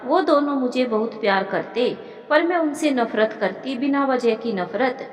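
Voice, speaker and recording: A woman's voice: sits high, lively intonation, unhurried. A woman voicing a remorseful young daughter-in-law who talks in an anxious, self-reproaching way. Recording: echoey room with long reverb.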